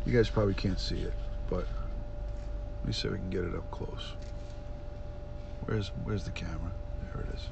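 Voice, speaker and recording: This retired detective, a middle-aged man, is congested and sniffling as he chats on a casual livestream and welcomes viewers by name. His fairly low voice is gravelly, and the recording is muffled with background noise.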